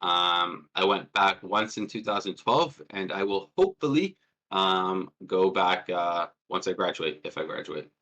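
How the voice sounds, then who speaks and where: A man in his twenties, born in Jordan and raised in Palestine as a child, hosts an informal workshop over a push-to-talk online call. As a student and threat hunter, he comes across as casual, hesitant and self-deprecating. His deep voice is expressive, bright and forceful, and he speaks a little slowly.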